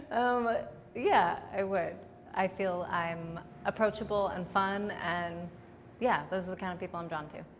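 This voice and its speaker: Low, gravelly-voiced woman comedian chatting. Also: takes it slowly, long pauses, big-room sound, a little hiss or hum. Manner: candid, chatty storytelling. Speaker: comedian, interview guest. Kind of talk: casual interview answers.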